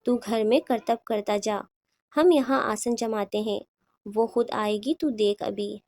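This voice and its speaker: A woman's voice: fairly high pitch, steady tone, a little mellow, close to an everyday voice. A woman voicing a vile male sorcerer who taunts and threatens in a horror audiobook. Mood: taunting.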